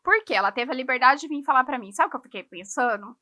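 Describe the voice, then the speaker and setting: A Brazilian woman with a high, bright voice tells a story in casual podcast talk, acting out each person's lines. She laughs often. The sound is dry and close. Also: lively intonation, fast, dry recording. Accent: Brazilian Portuguese. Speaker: podcast guest. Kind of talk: casual chat.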